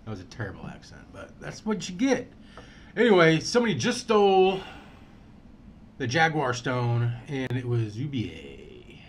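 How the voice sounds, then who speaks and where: A man's voice: mid-range voice, wildly swooping pitch, moderate pace, breathy edge. A man casually commentating his gameplay, joking and swearing freely. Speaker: let's play gamer.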